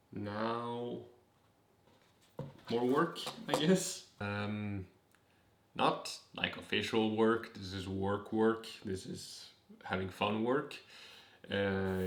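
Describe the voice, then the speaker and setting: A man's voice: on the low side, fairly bright tone, reverberant. A man in his twenties chatting casually in a vlog, rambling and making fun of himself as he goes. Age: 20s. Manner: rambling, self-mocking asides. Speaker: vlogger.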